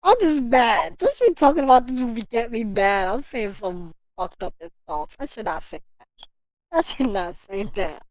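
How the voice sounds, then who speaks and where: A woman with a mid-range voice in a low-quality recording with no echo. Livestreaming from home, she rants casually and profanely, animated, swearing and talking straight to her chat.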